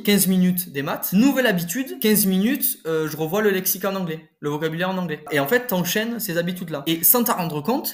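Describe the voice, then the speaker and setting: Young man, fairly high voice, informal study coach talking to camera with lots of fillers and restarts. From France. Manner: informal, many fillers and restarts, addresses viewer as tu. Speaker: prep-school study coach. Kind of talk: casual advice talk to camera.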